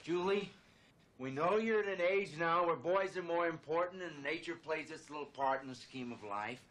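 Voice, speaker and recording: A man's voice: fairly high pitch, normal speed, fairly bright tone, close to an everyday voice, rough recording. An actor playing an earnest, awkwardly rambling middle-aged ex-hippie American father in a comic film. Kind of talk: naturalistic comic film acting. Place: living room set, indoors.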